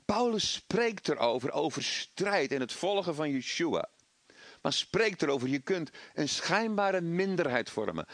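A middle-aged man preaching a sermon, animated, acting out voices of doubt and the devil. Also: a little high, no room sound.

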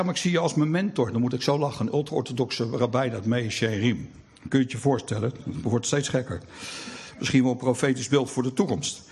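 A middle-aged preacher with a husky, medium-pitched voice tells stories during his sermon. He speaks conversationally, hesitating often.

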